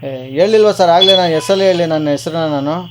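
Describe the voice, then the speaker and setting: This noisy radio prank call features a man with a high voice talking very fast. He acts the part of a puzzled customer, combative and unwilling to stop asking questions.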